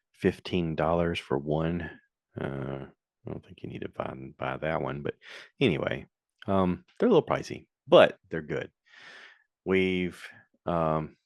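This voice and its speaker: Middle-aged male podcast host, very low voice, dry mic, loose chatty delivery. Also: no room sound. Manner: rambling, chatty storytelling with many fillers. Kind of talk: casual solo podcast chat.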